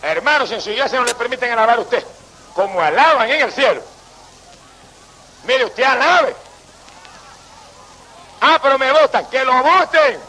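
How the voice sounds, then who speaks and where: An older man with a Puerto Rican Spanish accent, preaching an impassioned revival sermon, pleading with listeners and shouting out praises. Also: very high-pitched, lively intonation, moderate pace, pauses often, a little hiss or hum, poor audio.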